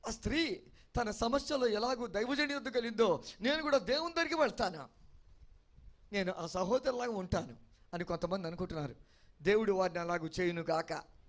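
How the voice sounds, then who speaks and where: A man's voice: sits high, brisk. A male pastor delivering an expository sermon, preaching with emphatic repeated refrains and often asking the congregation whether they follow him.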